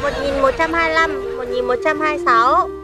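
A woman's voice: high voice, fairly even intonation, quick pace, over music, a crowd in the background, close to an everyday voice. A woman playing a cheeky, playful young village girl heading to the love market in a comedy sketch.

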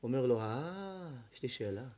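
A male rabbi telling a story in a sermon, acting out each character's lines and swinging from loud to hushed. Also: medium pitch, lively intonation. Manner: dramatic, voicing characters in the tales with big swings in loudness. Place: evening lecture before an audience.

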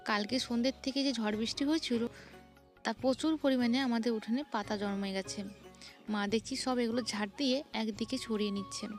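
A young woman vlogger with a fairly high voice chats quickly about her morning chores, describing each one as she does it in a home vlog. Faint music can be heard behind her.

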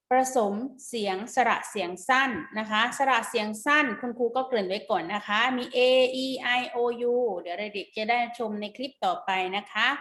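A woman teacher giving a phonics lesson to children, repeating each letter sound slowly and clearly. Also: on the high side, a bit bright, roomy sound. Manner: slow, drawn-out repetition of letter sounds.

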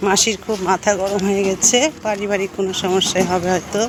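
A woman health worker talking to her viewers outdoors, a little out of breath, gently coaxing and advising the people she meets. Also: medium pitch, flat delivery, quick pace, very noisy. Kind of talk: casual vlog talk to viewers. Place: outdoors by a village road.

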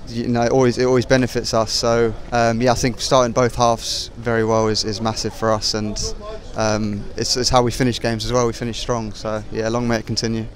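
A young man in his twenties, a footballer, answering post-match questions outdoors into a handheld mic, halting with many fillers. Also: medium pitch. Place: outdoors at a stadium car park.

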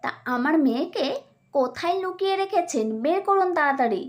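A woman voicing a loud, demanding, anxious father in a cartoon story, with a bellowing, insistent manner. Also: sits high, lively intonation, fairly quick. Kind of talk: cartoon voice acting. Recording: faint music behind.

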